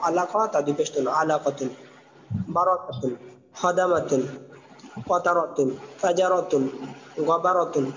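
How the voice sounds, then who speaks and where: Man teacher spelling out syllables slowly. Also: a little high, slight background noise. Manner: slow, syllable-by-syllable spelling drills. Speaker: Quran recitation teacher. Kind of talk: spelling-out tajweed lesson. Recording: dull lo-fi sound with long reverb.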